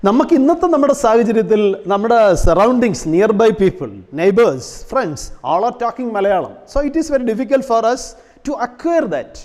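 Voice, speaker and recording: A man's voice: very high voice, sing-song, slow pace, a little mellow. A male teacher giving a classroom lesson, asking rhetorical questions and slipping English terms into his explanations. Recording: long hall reverb.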